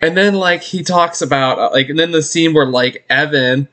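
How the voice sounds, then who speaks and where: A man's voice: a little high, moderate pace, bright, forceful tone. A man in his thirties hosting a casual podcast chat, telling rambling, self-deprecating stories. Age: 30s. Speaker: podcast host.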